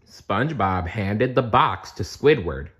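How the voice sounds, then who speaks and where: A male narrator reads a storybook aloud at an unhurried pace, his pitch animated and his delivery expressive, sprinkled with playful asides.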